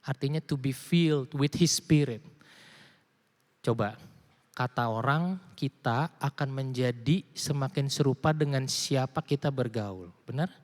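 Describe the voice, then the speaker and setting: A young man preaching casually to a youth group, slangy and animated, mixing in English phrases. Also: mid-range voice, measured pace. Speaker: youth pastor. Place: church hall. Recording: long hall reverb.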